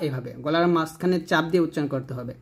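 A man, teaching Quran reading slowly, drawing out each letter name and then explaining how it is said. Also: fairly high pitch. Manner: drawn-out letter names, then plain explaining. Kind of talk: slow step-by-step recitation lesson.

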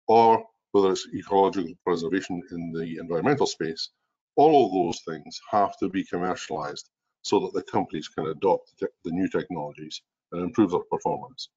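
Man, 60s, broad Scottish accent. Low-pitched executive presenter explaining on a webinar, dull video-call sound. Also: darkish tone. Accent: strong Scottish. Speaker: organization president and chief executive, presenter. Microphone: video call computer mic.

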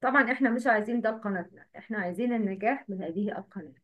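A woman with an Egyptian Arabic accent teaching a livestream lesson, explaining step by step and repeating terms slowly. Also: medium pitch, highs cut off.

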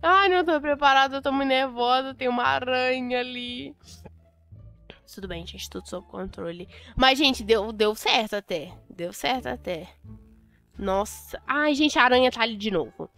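Excitable Brazilian woman narrating gameplay. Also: on the high side, moderate pace. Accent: Brazilian Portuguese. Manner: chatty, exclaims and repeats words in bursts. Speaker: Roblox gameplay host. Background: faint music.

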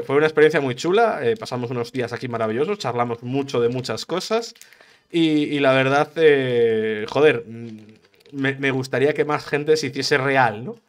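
Rambling podcaster man, mid-pitched. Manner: rambling, chatty, frequent restarts and swearing. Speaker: podcast host, gaming streamer. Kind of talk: casual solo podcast monologue.

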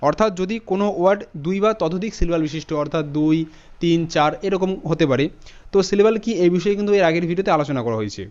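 Guy teaching spelling, high smooth voice, spells each word out slow and steady, kinda dull lo-fi sound. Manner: steady, spells words out letter by letter. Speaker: English teacher. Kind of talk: spelling lesson explanation. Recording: dull lo-fi audio.

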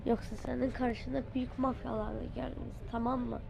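A woman voicing a menacing mafia thug who threatens a child in a low mutter. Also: little pitch movement, a little fast, vocal fry, darkish tone, slight background noise, low-quality recording.

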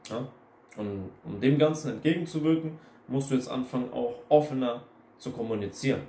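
A young man with a mellow, mid-range voice talks fairly quickly and bluntly to camera for his self-help video. His casual lecturing is repetitive and mixes in English phrases, captured in an echoey room.

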